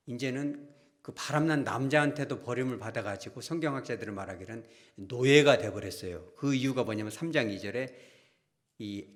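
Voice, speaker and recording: A man preaching a sermon as pastor, telling stories in animated fashion, acting out quoted voices and putting questions to the congregation. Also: mid-range voice.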